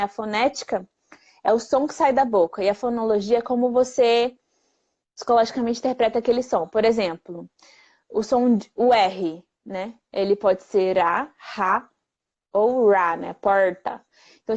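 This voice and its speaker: A woman, a speech therapist answering viewer questions in a lively, plain-spoken way full of rhetorical questions. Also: on the high side. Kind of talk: live Q&A explainer. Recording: dull lo-fi livestream audio.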